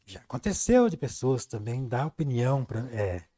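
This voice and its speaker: Brazilian male painting teacher, talkative storyteller, mellow tone. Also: mid-range voice, big pitch swings, normal speed. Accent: Brazilian Portuguese. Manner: chatty, storytelling, reads viewer comments. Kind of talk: live-stream painting lesson.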